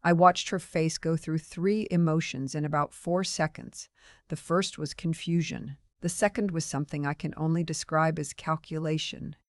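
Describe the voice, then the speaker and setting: A woman in her sixties telling her own story in scripted first-person narration, calm and understated. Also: low-pitched, normal speed, dry recording, clean studio sound. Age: 60s.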